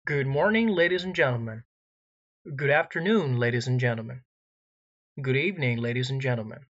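A man's voice: mid-range voice, a bit bright, lo-fi sound. Formal male airline cabin announcer. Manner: formal, measured template reading with gaps for details. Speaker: in-flight announcer.

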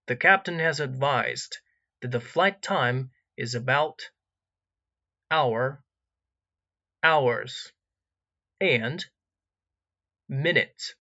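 A man reading recorded airline cabin announcements in a formal, measured way, pausing where details would be filled in. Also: a little high, pushed and bright, lo-fi sound. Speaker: in-flight announcer.

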